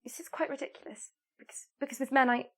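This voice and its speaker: Woman playing a shy anxious young Regency lady, stammering restarts, high voice. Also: level tone, fairly bright tone, soft background music. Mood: nervous. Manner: hesitant, stammering, halting restarts.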